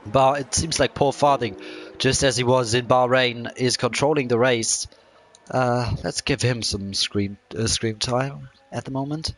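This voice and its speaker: A man doing live commentary on a sim racing event, pausing often with ums. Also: medium pitch. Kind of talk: live esports race commentary. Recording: clear background noise.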